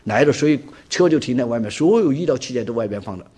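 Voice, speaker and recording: A husky man, a preacher, giving an animated personal testimony and acting out the dialogue he quotes. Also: mid-range voice, fast talker. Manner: vivid storyteller who acts out quoted dialogue.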